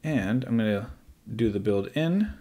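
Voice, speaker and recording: A man who is a teacher, calmly talking through a screen-recorded software tutorial step by step, with light joking asides. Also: on the low side, measured pace.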